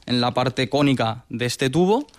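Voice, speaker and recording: A man in his twenties from Madrid, a doctoral researcher explaining his work in a lab in a measured, patient way with small restarts. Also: medium pitch, animated. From Madrid, Spain. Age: 20s. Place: research laboratory.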